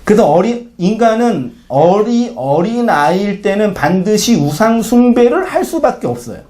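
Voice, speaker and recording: Speaking at a moderate pace, this male pastor has a high, mellow voice that swings widely in pitch. His sermon is conversational, full of questions to the congregation and short quoted lines acted out in different voices.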